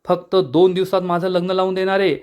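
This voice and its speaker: A man's voice: sits high, level tone, a little fast, clean tone, natural voice. A man voicing an exasperated young woman. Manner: sharp, exasperated. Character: angry young woman facing a forced wedding.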